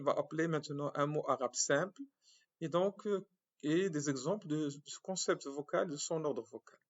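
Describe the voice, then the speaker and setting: A man from Morocco, a medical school professor, giving a slow recorded lecture with many restarts and fillers, spelling out syllables one by one. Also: on the high side, muffled recording.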